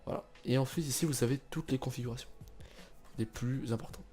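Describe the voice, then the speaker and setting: Young guy doing a chill tutorial, mellow voice, lots of euh and restarts, faint music behind. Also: mid-range voice, a little fast. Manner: chatty, relaxed, lots of fillers and restarts. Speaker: tutorial host. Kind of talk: casual screen-recorded game server tutorial.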